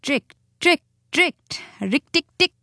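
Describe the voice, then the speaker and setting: A woman's voice: medium pitch, animated, a little slow, a little mellow, dry recording, clean studio sound, lightly acted. A woman voicing a brave, boastful young male mongoose in a storybook reading. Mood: gloating. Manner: bold, cocky, chuckling.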